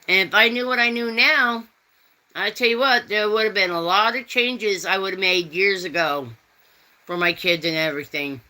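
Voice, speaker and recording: A woman's voice: mid-range voice, normal speed, sharp tone, rough recording. A woman in her fifties hosting a rambling, folksy live chat and answering viewers' comments. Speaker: host. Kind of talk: casual chat.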